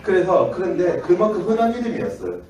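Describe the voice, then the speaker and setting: A man's voice: sits high, quick pace, dull audio, slight background noise. A man with a Gyeongsang accent preaching to children, telling stories and acting out voices with frequent laughter, recorded in a church hall. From Daegu. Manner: lively, acts out quoted voices, laughs often. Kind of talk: children's sermon with storytelling. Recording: echoey hall from far off.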